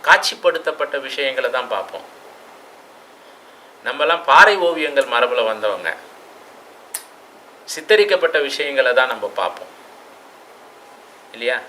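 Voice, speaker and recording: A man giving a reflective lecture, asking rhetorical questions and stressing words with sudden loudness. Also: medium pitch, sing-song, unhurried, long pauses, slight background noise, poor audio. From Tamil Nadu. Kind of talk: classroom lecture.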